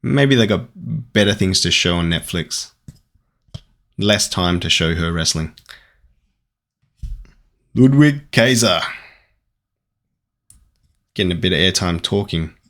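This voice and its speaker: Slow, low-voiced Australian man. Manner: rambling, chatty, excited at pulls. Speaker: card collector opening packs. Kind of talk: casual unboxing commentary.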